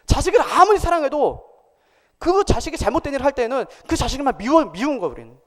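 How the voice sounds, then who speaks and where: A man's voice: very high-pitched, very animated, fast talker, fairly bright tone, in a large hall. A male pastor preaching a sermon in a church, talking conversationally and asking the congregation questions.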